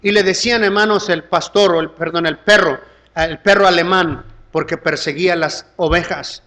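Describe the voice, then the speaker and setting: High, bright-voiced passionate preacher man. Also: fairly even intonation, normal speed. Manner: swings between loud passionate peaks and hushed low pleading; addresses the congregation as "hermano" constantly. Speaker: pastor. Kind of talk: sermon. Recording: live church stream.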